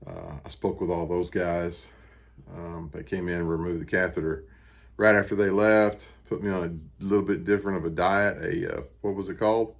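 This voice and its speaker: Deep-voiced American man, plain-spoken. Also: little pitch movement, moderate pace, vocal fry. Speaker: vlogger recovering from surgery. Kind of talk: casual personal video update. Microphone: camera on a stand with ring light.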